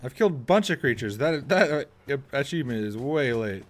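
A man giving casual gameplay commentary, excitable, swearing and yelping at enemies. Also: medium pitch, brisk. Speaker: gameplay streamer.

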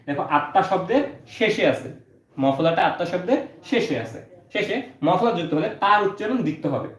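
A male teacher, giving an exam-prep lesson and explaining step by step, saying each point twice. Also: fairly high pitch. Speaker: Bangla teacher. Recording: roomy, dull lo-fi sound.

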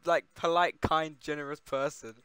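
A man's voice: on the high side, fairly even intonation, normal speed, bright, forceful tone, clear, resonant tone, dry recording. A young man hosting a casual gaming session, joking, laughing and swearing freely with a friend. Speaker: gaming channel host.

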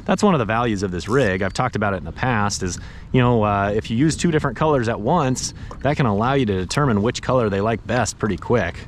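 A man in his thirties chatting casually on a fishing vlog from a kayak on a pond, easily excited and saying dude and bro. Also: on the low side, fast, a little hiss or hum. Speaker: fishing vlogger. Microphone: action camera mounted on the kayak.

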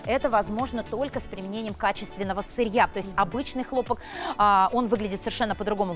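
A woman with a mid-pitched voice gives a polished TV shopping presentation with music behind her. She explains emphatically and admiringly, as the product expert. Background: background music.

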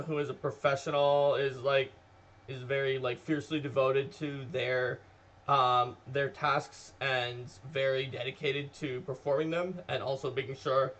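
A man in his middle pitch range co-hosting a casual chat show, rambling along with plenty of fillers. His voice comes through a dull, lo-fi recording. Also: fairly bright tone. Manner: chatty, rambling with many fillers. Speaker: podcast co-host.

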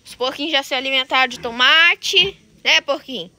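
A woman's voice: high voice, moderate pace, pushed and bright, slight background noise. A woman vlogging outdoors on a farm, chatting to her viewers and coaxing animals with repeated calls, recorded on a phone camera. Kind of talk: casual farm vlog.

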